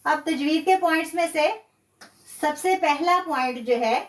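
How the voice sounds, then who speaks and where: Slow high-voiced woman teacher. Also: echoey room, far from the mic. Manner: slow, patient explaining with repetition. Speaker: Quran tajweed teacher. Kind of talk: live online lesson.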